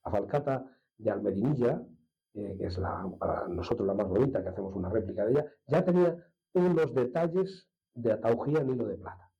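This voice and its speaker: A man from La Mancha, a master swordsmith, explaining his craft in an unhurried conversational way, with hesitations and restarts. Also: mid-range voice, expressive, dull audio. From La Mancha, Spain. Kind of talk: conversational interview.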